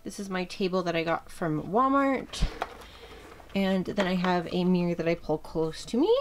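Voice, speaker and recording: A woman's voice: lowish voice, moderate pace, slight background noise. A young woman casually chatting as she walks through her small home filming room, a little out of breath and rambling. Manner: chatty, rambling, self-deprecating. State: slightly out of breath. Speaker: beauty vlogger. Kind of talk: casual tour narration.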